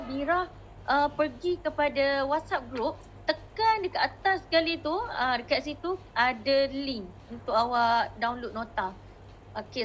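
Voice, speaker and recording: Woman, Malaysian Malay accent, Mandarin teacher, high-pitched, coaxing, faint background noise. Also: a bit bright, rough recording. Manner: code-switching, coaxing students, modeling tones. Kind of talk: online class teaching.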